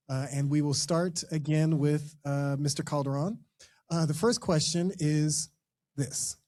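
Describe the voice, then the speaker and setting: Man, moderator, fairly high pitch, procedural and easygoing. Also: darkish tone. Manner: friendly, procedural. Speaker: forum moderator. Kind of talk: moderating a forum.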